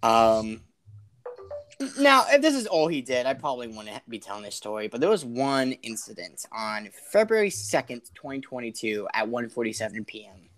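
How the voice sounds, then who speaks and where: A young man co-hosting a podcast, telling a story in a dramatic, deadpan way. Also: mid-range voice, normal speed. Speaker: podcast co-host. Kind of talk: casual storytelling.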